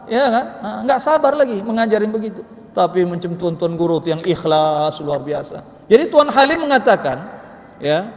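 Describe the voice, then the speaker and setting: A man preaching a mosque sermon, telling stories with humor and asking rhetorical questions. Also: high-pitched. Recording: long reverb of a mosque hall.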